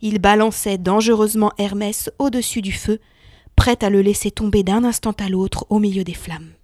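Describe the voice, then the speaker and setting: A woman narrating a children's myth story in an expressive reading voice that sinks to a hush in tense moments. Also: medium pitch, moderate pace.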